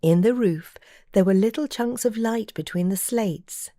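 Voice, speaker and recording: Gentle storybook narration by a woman, warm tone, dead room. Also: medium pitch, measured pace, dry recording, studio quality. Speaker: audiobook reader.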